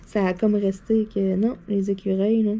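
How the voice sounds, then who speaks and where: Husky, dark-voiced Québécois woman vlogger. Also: mid-range voice. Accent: Québécois French. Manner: chatty, animated, lots of fillers and laughter. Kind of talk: casual anecdote storytelling to viewers. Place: seated at a desk indoors.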